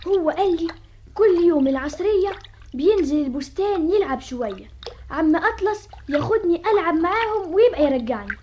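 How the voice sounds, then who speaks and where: Egyptian radio play: high rapid jinn boy prince, begging, dull old tape. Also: lively intonation, darkish tone, slight background noise. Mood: pleading. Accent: Egyptian Arabic. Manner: insistent, wheedling. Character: playful young jinn prince, boy, eager and pleading. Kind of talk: 1960s Egyptian radio drama acting.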